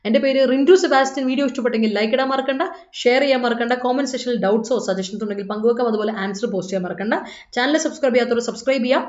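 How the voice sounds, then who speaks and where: A woman's voice: fairly high pitch, fairly even intonation, racing, a little mellow. A woman with a Malayali accent teaching an English exam class live online, chatty and coaxing her students. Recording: echoey room, dull lo-fi sound.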